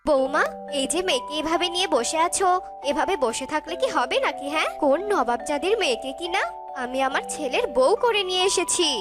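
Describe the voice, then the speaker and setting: Spiteful old grandmother bird, played by a woman, nagging, scolding, very high voice, music behind. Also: expressive, fairly quick.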